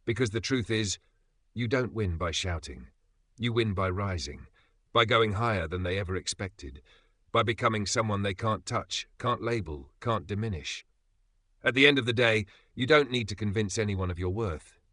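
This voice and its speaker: Male narrator, low and punchy, for scripted motivational voice-over; deliberate emphatic phrasing, recorded dry and close. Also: bright, forceful tone, no echo. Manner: measured, emphatic delivery with dramatic pauses. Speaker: channel narrator.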